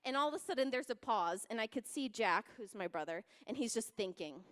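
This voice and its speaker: A young woman telling a funny story at a church youth service, animated and laughing as she acts out voices. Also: fairly high pitch, brisk. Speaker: youth speaker. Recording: long hall reverb.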